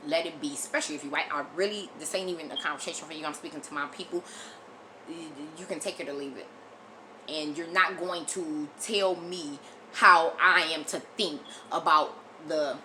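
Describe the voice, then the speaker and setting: A woman's voice: deep voice, pushed and bright, a little hiss or hum, poor audio. An American woman delivering an impassioned, blunt opinion monologue as a video commentator, emphatic and repeating phrases for force, often swearing. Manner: frequent swearing.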